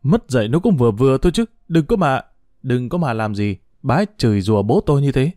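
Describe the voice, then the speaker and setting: A man voicing an irritable grown son in an audio story, scolding in a gruff, exasperated tone. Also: medium pitch, very animated, fast talker, mellow, dry recording, clean studio sound, natural voice. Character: irritable grown son caught between wife and mother.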